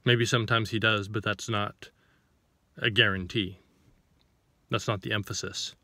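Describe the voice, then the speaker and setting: A man's voice: fairly low pitch, steady tone, unhurried, bright, forceful tone, no room sound. A man giving an informal sermon to the camera, reading scripture and then explaining it with rhetorical questions and a few restarts as he searches for words.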